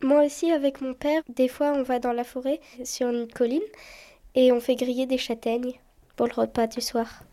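A woman's voice: sits high, flat delivery, moderate pace, warm tone. A schoolgirl carefully reading out her prepared answers. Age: child. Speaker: schoolchild correspondent.

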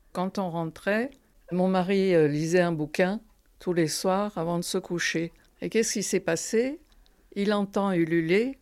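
An older woman recounting memories slowly and gently, pausing with small fillers. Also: medium pitch, clean tone. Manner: gentle, unhurried, with pauses and fillers. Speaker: interviewee. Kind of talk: storytelling reminiscence.

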